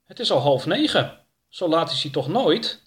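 A man's voice: fairly high pitch, very animated, moderate pace. A man voicing a careful, worried girl in a lightly raised voice.

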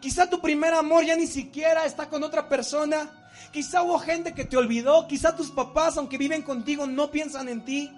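High-voiced Mexican preacher. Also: male voice, fairly even intonation, moderate pace, faint music behind. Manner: swings from loud exhortation to soft intimate tones. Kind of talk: sermon.

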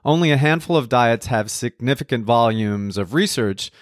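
A man's voice: medium pitch, expressive, moderate pace, no room sound, clean studio sound. A middle-aged man from Colombia, a nutrition counselor talking casually and wryly on a podcast. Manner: conversational, wry, lightly joking. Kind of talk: podcast talk.

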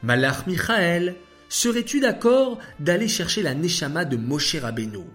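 A man voicing a calm, kind divine figure who speaks in a measured, gentle way. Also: fairly high pitch, faint music behind, voice pushed up. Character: calm, kind divine voice addressing angels and a prophet.

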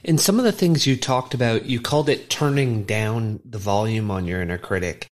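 Man, podcast host, fairly low voice, thoughtful, reflective questioning. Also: normal speed.

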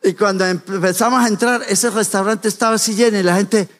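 A man's voice: high-pitched, steady tone, brisk, a bit bright. A man giving a jokey, chatty sermon in a church, talking straight to the congregation. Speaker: church speaker. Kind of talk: humorous sermon. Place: church sanctuary.

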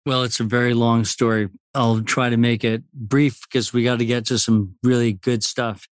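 A man in his sixties from Puerto Rico, an architect telling his story as an interview guest in a relaxed, rambling way. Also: mid-range voice, moderate pace, no echo. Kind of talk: casual interview.

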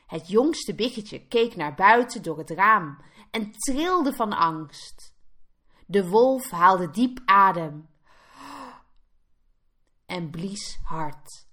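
Slow, expressive woman reading a storybook. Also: medium pitch. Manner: clear, expressive read-aloud. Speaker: Dutch teacher. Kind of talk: slow storybook narration for learners.

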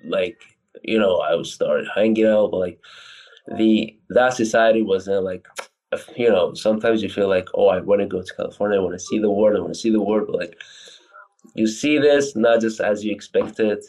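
Male coach guest from Iraq, very low warm voice, earnest and meandering. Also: moderate pace. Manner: earnest, rambling, non-native phrasing. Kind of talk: casual chat.

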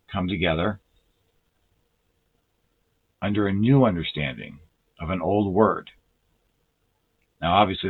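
A man preaching a sermon in an earnest, measured way, slowing down to stress key words. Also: sits low, slightly rough. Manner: earnest, measured, with slow deliberate emphasis; self-described dry sense of humor. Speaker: lay preacher. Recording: tinny phone-like audio.

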